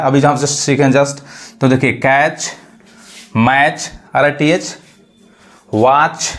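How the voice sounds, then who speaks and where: A man teaching English pronunciation, who explains step by step and asks and answers his own questions. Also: fairly high pitch. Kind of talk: pronunciation lesson.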